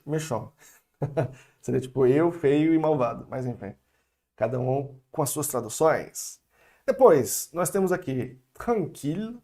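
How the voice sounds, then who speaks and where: A Brazilian man with a Brazilian Portuguese accent, teaching vocabulary in a casual video lesson. His voice sits at an ordinary middle pitch, and his talk is chatty and lively. He slows down to draw out words so learners can repeat after him. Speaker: French teacher.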